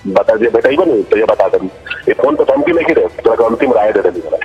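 A man's voice: lowish voice, animated, brisk. A man with a Bhojpuri accent arguing bluntly and threateningly in a recorded phone call. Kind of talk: confrontational phone argument. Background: music.

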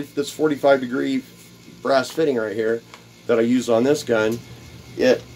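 This low-quality recording, with a bit of background noise, features a man whose medium-pitched voice is a little mellow. As a DIY video host, he explains a build step by step in his cluttered home workshop, rambling casually with plenty of fillers and repeated words.

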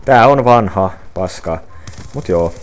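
A man's voice: on the low side, expressive, a little hiss or hum. A young man reading viewer questions off his phone and answering them casually, with many fillers and restarts. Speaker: gaming channel creator answering viewer questions.

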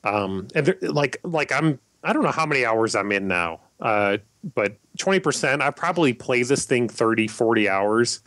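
A man hosting a casual podcast chat, rambling and halting with lots of fillers and restarts. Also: mid-range voice, animated, fairly bright tone, no room sound. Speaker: podcast host.

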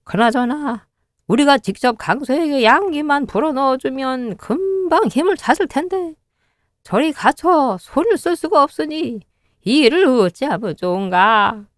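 A woman's voice: high-pitched, lively intonation, measured pace, dry recording, studio quality, pitched above the performer's own voice. A woman voicing two bickering old male hermits in a cartoon story, huffy and drawn out.

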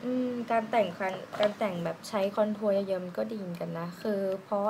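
A woman doing a casual lipstick swatch review, chatty and giggly, musing aloud with drawn-out fillers. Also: mid-range voice, steady tone, creaky. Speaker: beauty vlogger. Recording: noisy room ambience.

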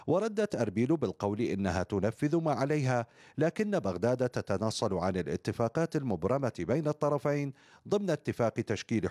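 Guy doing tv news report voiceover, animated intonation, dry sound. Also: fairly low pitch, no room sound. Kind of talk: scripted news narration.

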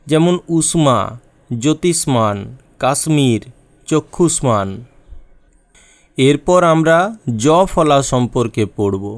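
A man's voice: medium pitch, clean tone, dry recording. A man teaching a lesson, reading examples aloud one at a time and speaking directly to his students. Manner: reads word lists aloud one by one, addressing students directly. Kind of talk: slow lesson on Bengali spelling and pronunciation.

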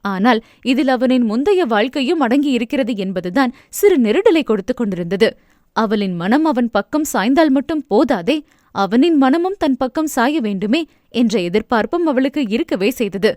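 A woman narrating a novel aloud in a steady, expressive reading. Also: fairly high pitch, moderate pace, dry recording, clean studio sound. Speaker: audiobook narrator.

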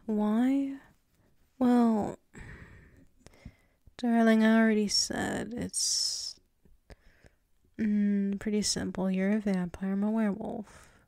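In this intimate ASMR roleplay, a woman voices a tsundere werewolf who is flustered and submissive, her delivery halting, murmured, and often whispered right into a close mic. Her mid-range voice is gravelly and darkish, with a musing, teasing mood. The recording is dry.

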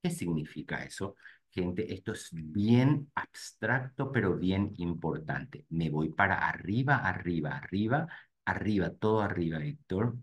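A low-voiced man leads a live webinar for real estate agents. He speaks straight to his audience and narrates each click out loud as he works through the screens. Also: lively intonation, unhurried, dull audio. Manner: talks to "gente" directly while clicking through screens, thinking aloud. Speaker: real estate marketing instructor.

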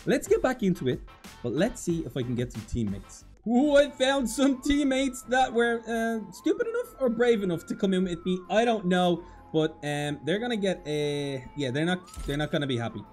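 A man giving excited, dramatic, self-mocking commentary while playing a video game. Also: sits high, normal speed, soft background music. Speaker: gaming YouTuber.

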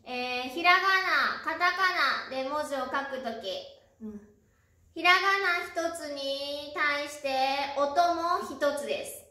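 A woman with a bright, high voice teaches a language lesson at a very slow pace. She repeats each word patiently in a friendly teacher tone. The sound is very echoey and picked up from some distance. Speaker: Japanese teacher. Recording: echoey room, mic at a distance.

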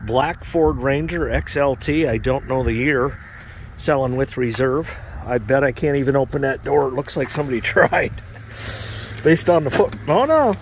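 Strolling an outdoor auction lot, this farm equipment vlogger chats loosely about each machine, dropping plenty of ums and asides. His mid-range voice moves at a moderate pace, and some wind hiss reaches the camera mic. The walk-around commentary is relaxed and rambling.

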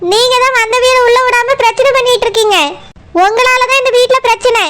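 A defiant young daughter-in-law , acted by a woman, argues back in a Tirunelveli Tamil accent. Her voice is extremely high and cartoonish. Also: level tone, fast talker, fairly bright tone. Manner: defiant, argumentative. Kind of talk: cartoon dialogue.

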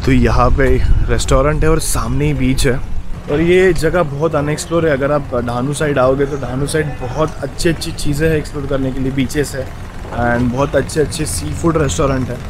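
A young male travel vlogger chats casually with viewers, mixing Hindi and English, while holding an action camera at arm's length. He moves between a car, roadside eateries and beaches, indoors and out, and the audio is noisy with traffic and wind. His voice is medium-pitched and steady, a little fast.

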